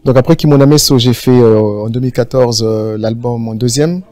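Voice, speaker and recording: A man's voice: mid-range voice, fairly quick, dry recording. A man from Congo, a singer being interviewed, talking casually with many hesitations. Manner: relaxed, hesitant with many fillers. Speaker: guest singer.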